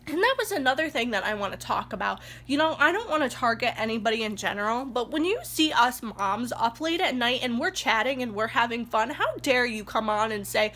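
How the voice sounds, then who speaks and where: Brisk and expressive, with hardly any pauses, this young stay-at-home mom talks to her camera at home in a high-ish, fairly bright voice. Stuffed up from allergies, she rambles heartfeltly and gets steadily more indignant.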